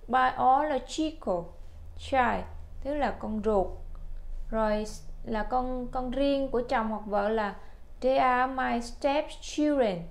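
A Vietnamese-native woman teaching English to older learners, repeating phrases slowly and carefully. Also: a little high, creaky, darkish tone. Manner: slow, careful spelled-out English drills. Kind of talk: language lesson for older learners.

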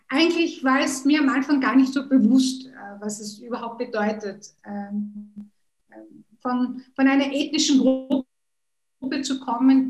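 A high-voiced woman in her thirties, a politician whose first language is Kurdish, speaks earnestly as an interview guest on a video call, hesitating often. She's in a room at home, and the audio is poor and echoey.

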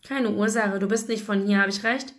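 A woman's voice: mid-range voice, steady tone, fairly quick, a bit bright, close to an everyday voice. A woman reading the part of a cheerful, bold young woman who teases and laughs, from a novel. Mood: teasing. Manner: grinning, laughing, teasing.

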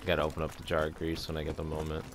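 A man chatting casually while playing a zombie game with friends, excitable and easily confused. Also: a bass voice, a little hiss or hum. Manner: excitable, confused, quick to laugh. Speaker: gamer. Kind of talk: casual gaming chat.

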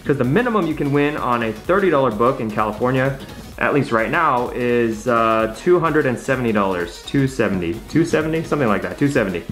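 A man's voice: mid-range voice, expressive, brisk, a bit bright, soft background music. A man hosting a vlog with casual play-by-play, half talking to himself and repeating phrases. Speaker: scratch-ticket vlog host.

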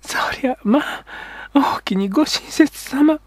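A man voicing a proud and devoted Edo-era wife who speaks in sharp, formal old-Edo woman's speech. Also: extremely high pitch, a little slow, dry recording, voice pushed up. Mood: ironic, proud.

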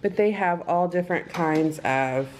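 Woman vlogger, thirties, lowish voice, rambling home chat, noisy background. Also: unhurried. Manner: chatty, rambling, practical. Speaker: family vlogger. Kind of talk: casual home vlog, showing cooking and a craft haul. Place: home kitchen and dining table.

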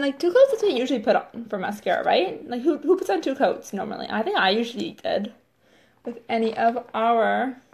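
Hosting a casual live makeup demo, a woman chats away, filling her talk with "like" and "totally." Her voice sits on the high side, creaky yet a little mellow.

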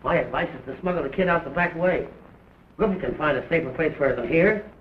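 An actor plays a nervous gangster henchman who speaks in blunt, jumpy slang. The voice comes through a dull, muffled early film soundtrack. A soft hiss sits behind it. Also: a little high, quick pace, natural voice. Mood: uneasy.

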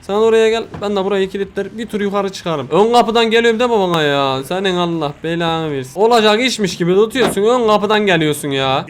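Excitable fast-talking male gamer. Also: high-pitched, slight background noise. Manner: excitable, talks to game characters, swears often. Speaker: gaming video host. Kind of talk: let's play commentary.

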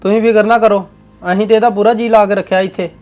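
A man's voice: sits high, steady tone, fast, a little mellow, close to an everyday voice. A young man with a Punjabi accent acting a bossy, commanding husband in a domestic drama. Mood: reassuring.

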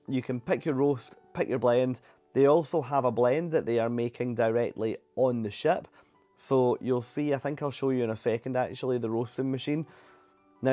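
A man's voice: medium pitch, dark tone, no echo. A young man narrating a cruise ship tour in a chatty, enthusiastic way, often repeating words for emphasis.

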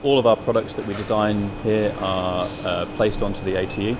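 Low flat-voiced man, hesitant. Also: brisk. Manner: hesitant, many fillers. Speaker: test engineer. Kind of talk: unscripted explanation. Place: electronics lab, indoors. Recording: factory noise behind.

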